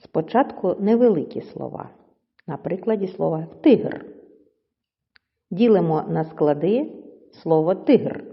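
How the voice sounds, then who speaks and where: A woman teacher giving a slow, clear lesson to children, stretching words out syllable by syllable. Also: lowish voice, animated. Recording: dull audio with long reverb.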